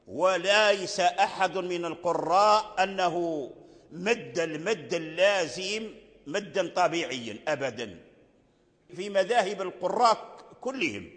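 An older man teaching recitation rules in a lesson, speaking slowly, repeating phrases and chanting short verses. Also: high voice, fairly bright tone. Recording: long hall reverb.

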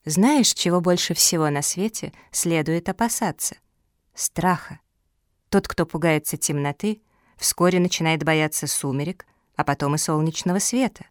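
A woman voicing the eldest dog sister, calm, stern and sensible, speaking in a low, measured, commanding way in a storybook reading. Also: dry recording, clean studio sound, close to an everyday voice.

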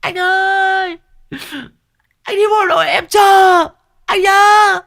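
A man putting on the shrill, wailing falsetto of a tearful young girl calling out to her soldier boyfriend. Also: flat delivery, gravelly, bright, forceful tone, exaggerated voice. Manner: drawn-out crying calls.

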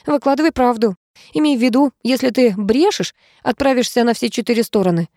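A sharp-tongued young wife scolds her husband bluntly, as a woman reads her out. She keeps a mellow tone and sounds close and dry, like a storybook read at the mic. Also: on the high side, fairly quick, dry recording, voice pushed up, close to an everyday voice. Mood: indignant.

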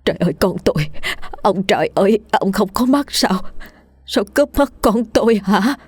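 A woman's voice: mid-range voice, animated, normal speed, darkish tone, breathy edge, no room sound, studio quality. A woman doing a keening old village mother. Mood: wailing. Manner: shrieking, keening cries.

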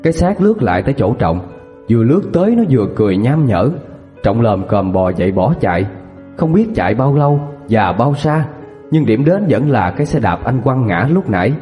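A man with a Southern Vietnamese accent narrating a scripted horror story in a steady manner. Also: medium pitch, a little fast. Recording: long reverb with faint music.

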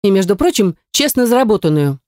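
A woman's voice: mid-range voice, big pitch swings, quick pace, darkish tone, dry recording, clean studio sound, close to an everyday voice. A woman voicing a sassy young heroine who fires back with cheeky, indignant retorts. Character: sassy young heroine, quick-tongued and defiant.

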